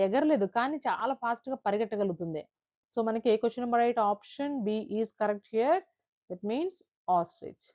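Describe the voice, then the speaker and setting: A woman with a Telugu accent teaching an exam-prep quiz lesson, reading questions slowly and explaining each answer. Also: on the high side, a little mellow. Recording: slightly dull lo-fi recording.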